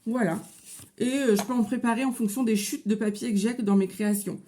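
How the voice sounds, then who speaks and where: A woman with a mellow, slightly high voice and a French accent chats through a craft tutorial. She talks casually, with plenty of fillers, recorded in a home office. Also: fairly even intonation, brisk, a little hiss or hum. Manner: chatty, with frequent fillers. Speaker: crafting vlogger.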